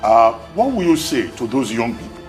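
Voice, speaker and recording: A man's voice: mid-range voice, big pitch swings, normal speed, soft background music. A male TV news anchor politely cutting in to steer the interview.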